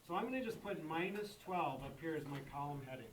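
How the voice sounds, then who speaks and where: Man teaching math to a class, higher-pitched, emphatic, recorded from across an echoey classroom. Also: lively intonation, fast, recorded from a distance, noisy background. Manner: repeats key points with emphatic checks. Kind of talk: classroom lesson.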